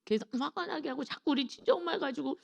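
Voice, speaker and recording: A woman's voice: high voice, lively intonation, fast talker, gravelly. A middle-aged woman telling an earnest, rambling family story as a testimony in a church service. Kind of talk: testimony in an early-morning sermon. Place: church sanctuary.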